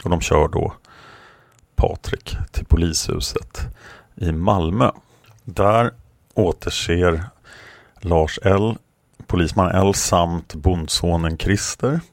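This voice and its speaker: Brief: male narrator reading from a book, low creaky voice, unhurried, dry sound. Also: no room sound. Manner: steady, plain, occasional hesitations. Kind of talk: reading aloud from a book with commentary.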